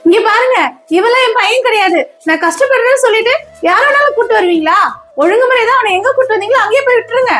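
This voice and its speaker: High-voiced scolding woman. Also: fast. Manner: scolding, sharp-tongued. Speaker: mother in family comedy skit. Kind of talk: scripted family comedy skit.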